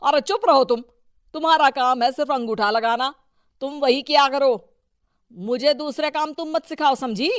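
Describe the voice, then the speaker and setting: A woman's voice: sits high, moderate pace, no room sound, clean studio sound, pitched above the performer's own voice, natural voice. A woman voicing a corrupt, bossy male local politician in a cartoon story, with a pompous, commanding manner. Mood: angry, bossy. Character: domineering, corrupt male village-politician husband, smug and bossy. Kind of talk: scripted cartoon story dialogue.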